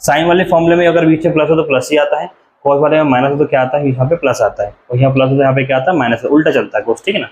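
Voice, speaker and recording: A man teaching a maths lesson at a board. He explains step by step, often asks the class a question and answers it himself, and slows right down while writing terms out. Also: a little high, a little mellow, slight background noise, rough recording.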